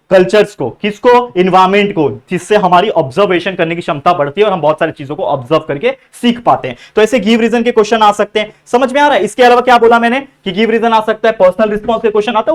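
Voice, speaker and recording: A man with an Indian accent teaching an exam-prep lesson, explaining step by step and asking and answering his own questions. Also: sits high.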